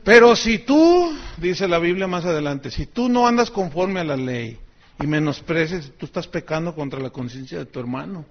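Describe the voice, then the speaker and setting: High-voiced Mexican pastor, joking sermon. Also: male voice, lively intonation, moderate pace, dull audio. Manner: chatty and joking, acting out quoted voices. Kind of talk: sermon with personal anecdotes.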